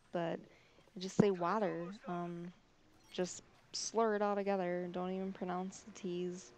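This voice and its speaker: A woman with a Michigan accent talking straight to her viewers in an easygoing vlog. Her voice sits fairly low and stays level, with little rise and fall, and she leans on "like" and other fillers. A faint hiss of room ambience lies under her. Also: darkish tone. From Michigan, USA. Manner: chatty, filler-heavy with frequent "like". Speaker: vlogger. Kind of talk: casual to-camera chat.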